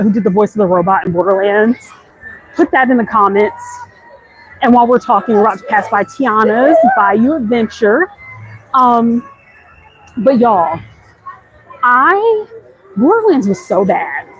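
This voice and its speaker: The recording is low quality: an American woman with a fairly high-pitched voice livestreams as she walks through a busy theme park, chatting conversationally with her viewers amid the outdoor noise.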